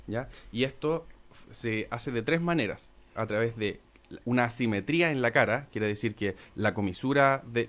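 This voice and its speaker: A middle-aged man, a doctor explaining step by step in a radio talk, calm and methodical with pauses. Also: mid-range voice. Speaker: physician guest.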